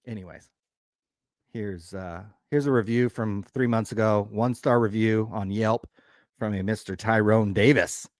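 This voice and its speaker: A man's voice: on the low side, fairly even intonation, unhurried, no echo, studio quality. A man co-hosting a live sports card radio show in casual, profane, emphatic and joking chat.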